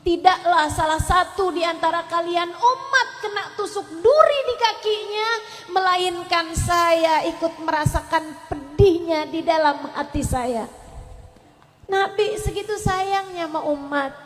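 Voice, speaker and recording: A woman Islamic preacher, giving a sermon in an animated, pleading manner. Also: very high voice, unhurried, soft background music. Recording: echoey hall reverb.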